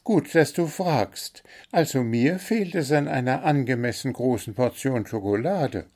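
A man's voice: mid-range voice, animated, unhurried, a little mellow, voice pushed up. A man voicing a cheeky, greedy little blue male bird that pesters for sweets. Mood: demanding. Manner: demanding, sweet-toothed, pestering.

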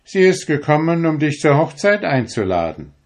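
Man as the Sandman, kindly, reassuring, brisk, slightly raised voice, storybook. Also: fairly high pitch, sing-song, pitched above the performer's own voice. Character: kindly magical old male Sandman. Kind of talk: storybook reading.

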